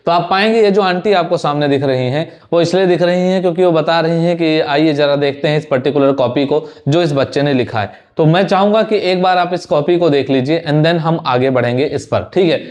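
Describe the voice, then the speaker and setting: A young man with a slightly higher voice runs through a student's exam answers. He speaks Hindi in a loose, conversational way and often repeats a word. English phrases keep turning up in his speech. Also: fairly quick, few pauses, darkish tone. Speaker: exam prep teacher. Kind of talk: Hindi lesson reviewing an answer sheet.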